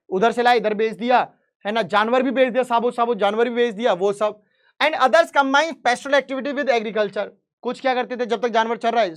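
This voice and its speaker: A chatty online teacher walks students through a history chapter, switching between Hindi and English. English sentences come out slow and deliberate, then the explanation rushes on in casual, joking Hinglish, with direct questions to the class. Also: medium pitch. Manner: playful asides and jokes, addresses students directly.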